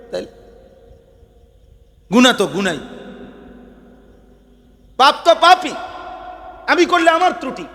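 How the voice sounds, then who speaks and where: High-voiced preacher guy, fired up sermon, loud then soft, big hall echo. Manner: impassioned, swings between loud declaiming and soft asides, acts out mocking voices. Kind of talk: Bengali waz sermon.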